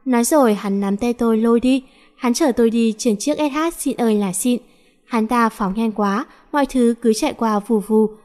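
A woman's voice: on the high side, moderate pace, a little mellow. A woman reading a first-person story aloud, voicing the characters' lines with small lifts in her voice.

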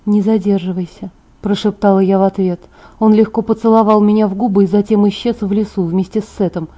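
A woman's voice: mid-range voice, steady tone, fast, mellow. A woman narrating a first-person novel as an audiobook, reading with heartfelt emotion.

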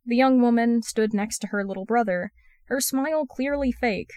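A woman reading a fan fiction story aloud as a podfic, in an even storytelling read. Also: fairly high pitch, moderate pace, no echo, studio quality. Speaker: podfic reader.

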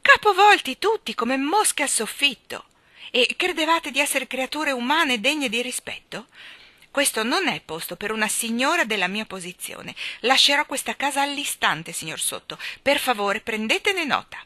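Brief: shrill plump landlady, loud and exclamatory, high and bright, played by a woman reader. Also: sing-song, unhurried, dry recording, heavily acted. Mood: indignant.

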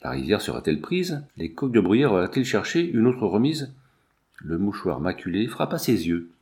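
A man narrating a novel in a steady, measured reading voice. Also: fairly low pitch. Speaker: audiobook reader. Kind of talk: scripted narration.

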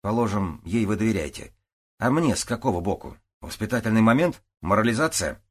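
A man's voice: fairly low pitch, expressive, brisk, breathy edge. A male narrator reading an audiobook, voicing a wry, sly ex-convict husband who talks in an ironic, mocking way.

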